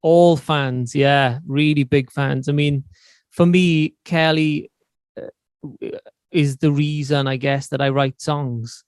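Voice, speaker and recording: A man's voice: a little high, steady tone, slow pace, darkish tone, smooth, no room sound, clean studio sound. A man with a Swansea Welsh accent chatting informally and matily as a musician guest on a podcast. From Swansea, Wales. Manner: matey, informal, peppered with "you know". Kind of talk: casual interview chat.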